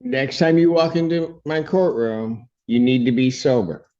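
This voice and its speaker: A man's voice: mid-range voice, unhurried, mellow. A man speaking as a judge in an informal hearing, plain-spoken and patient, often interjecting. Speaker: judge presiding over a hearing. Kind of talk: informal courtroom exchange. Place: court hearing held over video call. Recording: dull video call audio.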